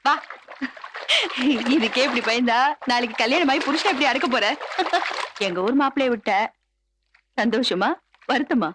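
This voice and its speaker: A woman's voice: fairly high pitch, moderate pace, pauses often, noisy background, close to an everyday voice. An actress playing a cheeky young village woman who teases her friend in a playful way. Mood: teasing. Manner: teasing, playful. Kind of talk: Tamil film dialogue. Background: film music.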